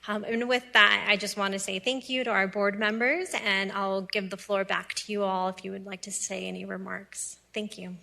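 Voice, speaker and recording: Woman, city staff, gravelly bright voice, formal announcement. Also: mid-range voice, flat delivery, moderate pace, hardly any pauses. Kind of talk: council meeting staff remarks. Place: city council chamber.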